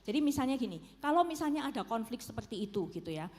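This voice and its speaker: A woman from Solo with a Javanese accent, a preacher answering questions in a relaxed, conversational way and often checking in with her listeners. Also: fairly high pitch, fast talker, in a large hall. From Solo, Central Java. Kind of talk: church Q&A talk.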